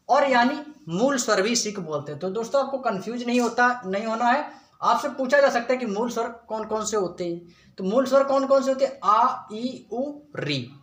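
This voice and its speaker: A man's voice: sits high, a bit bright, roomy sound. A male teacher giving an exam-prep lesson, asking the class a question and then answering it himself, calling his viewers friends again and again.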